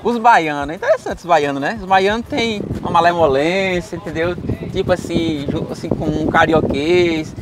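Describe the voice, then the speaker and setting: A man from Ceará with a Northeastern Brazilian accent chats through a street interview, hesitating and piling up fillers. His voice sits a little high. Loud boat engines and outdoor noise run behind him. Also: normal speed. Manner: chatty, hesitant, many fillers.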